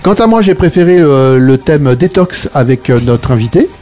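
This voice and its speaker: A man's voice: mid-range voice, very animated, normal speed, a little mellow, faint music behind. A man presenting a radio programme live, moving between announcements and casual chat with colleagues. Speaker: radio show host. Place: radio studio.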